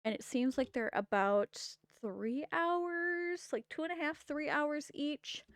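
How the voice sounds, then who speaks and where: A woman's voice: high voice, takes it slowly, no room sound, clean studio sound. A woman game streamer wrapping up her stream, bubbly, enthusiastic and rambling at a desk mic. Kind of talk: casual stream wrap-up chat.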